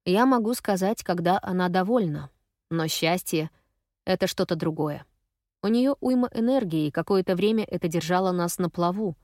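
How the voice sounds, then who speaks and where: A woman's voice: fairly low pitch, normal speed, darkish tone, no echo, studio quality, close to an everyday voice. Female narrator doing a flustered man in a car, hesitant, easily rattled. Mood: thoughtful. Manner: hesitant, then swearing in panic. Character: worried middle-aged man, flustered and sighing.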